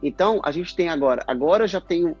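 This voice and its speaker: A man, a speech therapist, explaining pronunciation in a casual live chat, in halting bursts. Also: fairly high pitch, animated, darkish tone, breathy edge. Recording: dull lo-fi stream audio, faint music.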